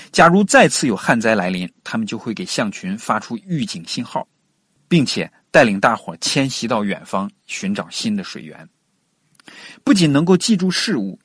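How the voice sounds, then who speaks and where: 一位男主播以富有表现力的讲解口吻，像自然纪录片解说一样给孩子讲科学故事，不时向听众提问。. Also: male voice, mid-range voice, husky, no echo. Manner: expressive, explanatory, puts questions to the listener. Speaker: host of a children's science story show. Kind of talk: scripted educational storytelling for children, nature documentary narration.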